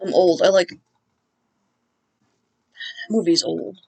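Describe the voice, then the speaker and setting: A woman's voice: lowish voice, steady tone, slow, mellow. Chatty woman in her forties, joking around. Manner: chatty and joking, laughs often. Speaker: unboxing vlog host. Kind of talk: casual chat.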